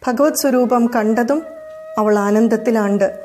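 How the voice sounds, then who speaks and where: A woman storyteller reading a scripted devotional story in a calm, even manner. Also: on the high side, measured pace. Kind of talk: scripted narration.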